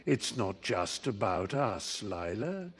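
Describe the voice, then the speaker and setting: A man voicing an anxious, hesitant young man, speaking in a hushed, uncertain way in a storybook reading. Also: a little high, wildly swooping pitch, slow, pitched above the performer's own voice, exaggerated voice. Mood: worried.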